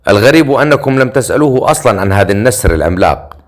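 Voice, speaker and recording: A man's voice: medium pitch, expressive, very fast, lightly acted. A man voicing a confident, teasing male comrade.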